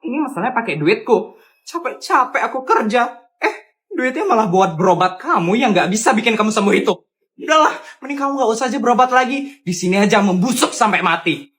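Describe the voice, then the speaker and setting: A man voicing a contemptuous, greedy wife who mocks her sick husband, shrill and fast. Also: fairly bright tone. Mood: scornful. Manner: scornful, shrill and fast when angry.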